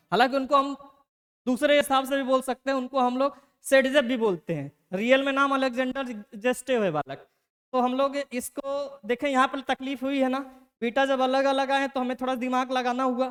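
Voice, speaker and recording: A man's voice: extremely high pitch, a bit bright, clear, resonant tone. A man teaching chemistry in a casual, folksy lecture, coaching students and stretching out key terms. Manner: folksy, drawn-out coaching, calls students "बालक"; slows to dictate terms word by word. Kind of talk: Hindi classroom lecture.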